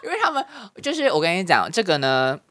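A young woman, co-hosting a podcast, telling stories with animated dry wit. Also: lowish voice, fast talker, dry recording. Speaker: podcast co-host. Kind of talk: casual chat.

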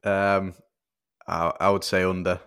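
A man with a very low, smooth voice discussing football on a podcast. He explains tactical matchups in a measured, analytical way and fills his pauses with soft "ums". The delivery stays relaxed and conversational throughout.

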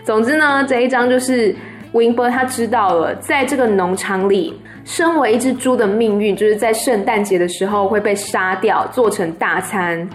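A woman's voice: medium pitch, moderate pace, faint music behind. A woman with a Taiwanese Mandarin accent reading a children's story aloud with playful, laughing asides. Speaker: storyteller host.

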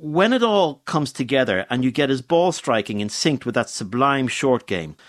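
A man's voice: mid-range voice, sing-song, moderate pace. Male sports pundit, reflective analysis, mid-range voice.

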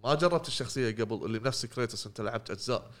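A man's voice: mid-range voice, a bit bright. A man, co-hosting a casual gaming podcast, rambling with many restarts. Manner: fast, rambling, many restarts and trailing words. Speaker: podcast co-host.

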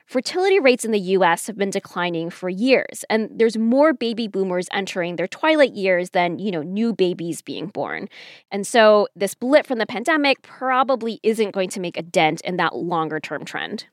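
A woman's voice: medium pitch, no echo, studio quality. An American woman explaining things conversationally as a podcast co-host.

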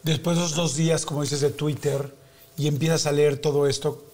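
Male interviewer, slightly high voice, empathetic and conversational. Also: level tone, brisk, a little mellow. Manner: empathetic, reflective questioning.

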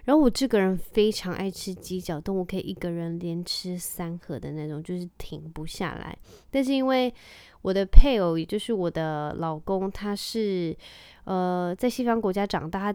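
A woman, a mother telling stories to her vlog audience in a lively, chatty way and mixing in English phrases. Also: medium pitch, smooth, no echo. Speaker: vlogger and mother. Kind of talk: casual chatty monologue.

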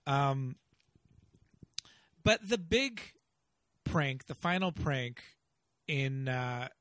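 A man's voice: mid-range voice, lively intonation, drawn-out words, fairly bright tone, no room sound. A man in a casual film discussion, rambling conversationally as a podcast panelist.

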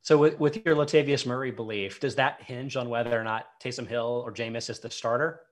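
A man's voice: medium pitch, steady tone, fairly quick. A man hosting a sports podcast, setting up long detailed questions with a dry, sarcastic edge. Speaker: podcast host. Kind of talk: casual podcast interview.

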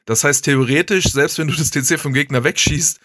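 A man's voice: fairly high pitch, fairly quick, sharp tone, dry recording, studio quality. A man, casually explaining video game strategy, thinking aloud with restarts and chuckles. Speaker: guest strategy player.

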